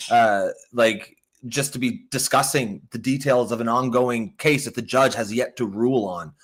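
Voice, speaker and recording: A man's voice: medium pitch, fairly bright tone, slightly rough. A man co-hosting a political talk show, chatting casually and bluntly, swearing and reading out viewer comments. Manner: blunt, profane, reads out chat comments. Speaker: podcast co-host.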